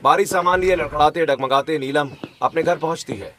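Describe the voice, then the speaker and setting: A man narrating a cartoon story in a steady storytelling manner. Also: a little high, fairly quick, slight background noise.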